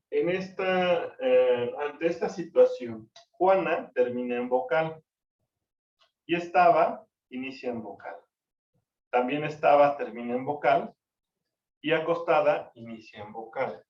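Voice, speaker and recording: A male literature teacher, lecturing an online class, counting syllables slowly and checking for understanding. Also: mid-range voice. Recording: echoey, distant, dull-sounding mic.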